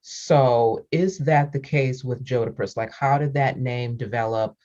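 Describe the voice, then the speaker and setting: A woman's voice: very deep voice, a little slow, dark tone. A middle-aged woman hosting an interview over a video call, chatting freely, laughing often and repeating her words. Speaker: interview host. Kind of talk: casual interview chat. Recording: dull lo-fi call audio.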